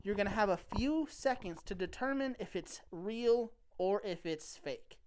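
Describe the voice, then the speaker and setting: A woman's voice: mid-range voice, animated, a little slow, darkish tone, slight background noise. A woman hosting a casual podcast and introducing a game segment in a playful, loose way.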